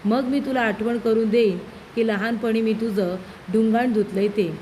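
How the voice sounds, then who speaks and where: A woman's voice: on the high side, fairly even intonation, normal speed, darkish tone, slight background noise, lightly acted, rough recording. A woman reading out the lines of a blunt, cheeky housemaid who talks back to her employer. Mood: defiant. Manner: cheeky, scolding. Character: blunt older housemaid who raised the master.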